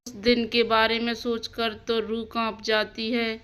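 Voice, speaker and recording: A woman voicing a caring village mother, bright and smooth. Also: on the high side, monotone, a little slow. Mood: sad. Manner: soothing, fussing, exclaims often.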